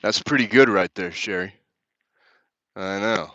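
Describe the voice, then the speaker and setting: A man's voice: lowish voice, a little slow, fairly bright tone, no echo, highs cut off. A man doing a push-up challenge on a live stream, reading chat comments aloud and cursing as he jokes, a little out of breath between sets. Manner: crude, joking, reads chat comments aloud with laughs.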